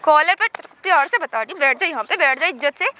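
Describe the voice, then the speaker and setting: A woman's voice: high-pitched, lively intonation, fast talker, sharp tone, a little hiss or hum. A woman playing a domineering young wife who taunts and orders her husband about, in a staged street skit. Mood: commanding. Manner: taunting, commanding.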